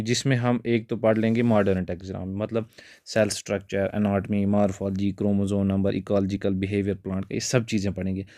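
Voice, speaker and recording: A man's voice: lowish voice, a little mellow, no room sound. A male biology teacher giving an exam-prep lecture, calling his students "beta" again and again and mixing English terms into his talk.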